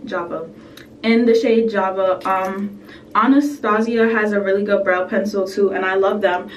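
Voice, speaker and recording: Recorded from a distance with roomy echo and a little hiss or hum, a young woman who is a beauty vlogger chats through a makeup tutorial at home. Her mid-range voice sounds a bit sick, and she fills the talk with fillers and asides.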